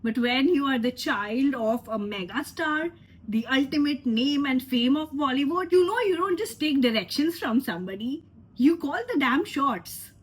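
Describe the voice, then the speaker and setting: A woman reviews a trailer in a casual, sarcastic way. Her voice is high and husky, stuffed up from a cold. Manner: opinionated, sarcastic. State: congested with a cold. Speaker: film reviewer.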